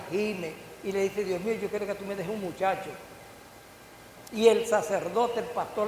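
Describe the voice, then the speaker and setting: An older man preaching a sermon as pastor, with rising bursts and questions to the congregation. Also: high-pitched. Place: church hall. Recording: echoey church hall with faint hiss.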